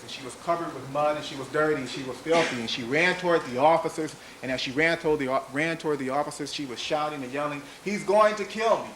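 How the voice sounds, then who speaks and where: A man delivering a courtroom opening statement to a jury, speaking in a measured, deliberate way and repeating key phrases for emphasis. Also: on the high side. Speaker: trial prosecutor. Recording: noisy archival courtroom audio.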